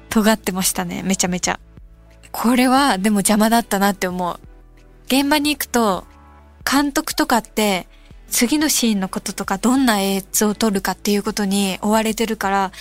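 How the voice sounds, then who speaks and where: A young adult woman from Kansai hosting a radio show, reading listener mail and musing aloud in a relaxed, casual way. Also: mid-range voice. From Kansai, Japan. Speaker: radio host. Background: soft background music.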